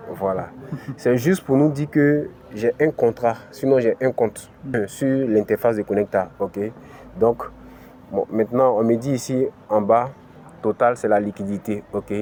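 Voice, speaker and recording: A man's voice: medium pitch, unhurried, dark tone, slight background noise. A man with an African French accent walks viewers through a screen-recorded tutorial step by step, with lots of "ok" and "voilà". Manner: explains step by step, many "ok" and "voilà" fillers. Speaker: crypto channel host.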